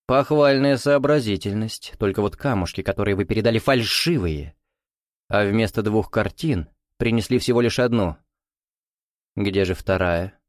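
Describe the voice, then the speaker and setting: A man's voice: fairly low pitch, normal speed, no room sound, natural voice. A man reading an audiobook, voicing a suave, condescending male lodge commander with a reproachful drawl. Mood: mocking.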